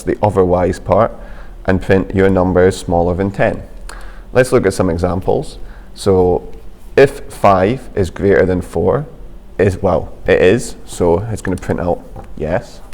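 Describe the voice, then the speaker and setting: A man's voice: low voice, darkish tone. A man teaching a coding lesson over a screen recording, explaining step by step in a plain, patient way.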